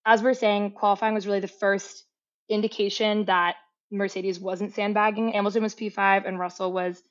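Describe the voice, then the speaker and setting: An upbeat woman co-hosts a casual, chatty podcast, speaking at a normal pace in a level, ordinary mid-range voice. The audio is a bit dull and lo-fi, like it came from a modest home microphone.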